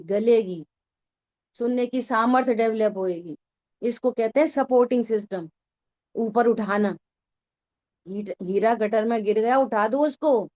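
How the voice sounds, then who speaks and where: A woman with a somewhat high voice gives a religious discourse to her class. Her tone is conversational, and she often stops to ask whether the point has landed. She scolds her listeners in a familiar, teasing way. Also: dark tone. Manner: conversational, keeps checking that listeners follow. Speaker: teacher of a scripture study class.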